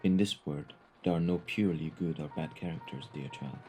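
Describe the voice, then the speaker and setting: In an audio roleplay, a man voices a mafia gentleman with a very deep voice, courteous and cultured, picking formal, eloquent words at a measured pace. Beneath the politeness lies a calm menace, and soft music plays in the background. His mood is gentle and advisory.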